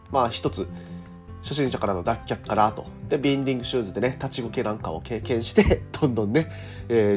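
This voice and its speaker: Man, radio host, mid pitch, hoarse scratchy throat, chatty and polite, casual morning monologue, music behind. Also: a little mellow. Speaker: radio host and cycling tour guide.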